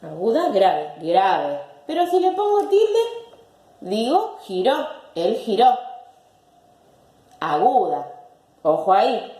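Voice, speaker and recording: A woman's voice: mid-range voice, huge pitch swings, takes it slowly, dark tone, roomy sound. A woman teacher giving a recorded language lesson, patiently repeating words syllable by syllable.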